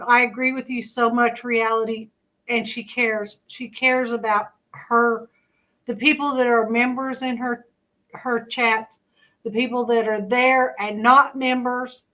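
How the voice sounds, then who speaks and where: High-voiced woman with slurred, toothless speech. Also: lo-fi sound. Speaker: video creator. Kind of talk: casual reaction commentary.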